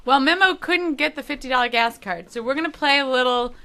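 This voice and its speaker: A woman hosting a morning radio show with a bright, ringing voice that sits a touch high. She chats casually, teasing callers and co-hosts and laughing often. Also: fairly quick, creaky.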